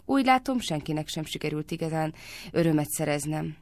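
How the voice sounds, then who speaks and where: A sly young cowherd boy teases his friends with mock innocence in a read-aloud storybook, as a woman reader puts him on. The voice is low and gravelly and sits close and dry. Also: lively intonation, a little mellow, dry recording. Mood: coaxing. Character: clever playful young cowherd boy Krishna.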